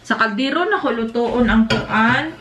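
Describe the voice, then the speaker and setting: Filipino mom chatting while cooking. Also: female voice, on the high side, lively intonation, measured pace, noisy background. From Philippines. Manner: switches between chatting to viewers and scolding a toddler. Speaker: vlogger and mother. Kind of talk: casual cooking vlog chat. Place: home kitchen. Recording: echoey room from a distance.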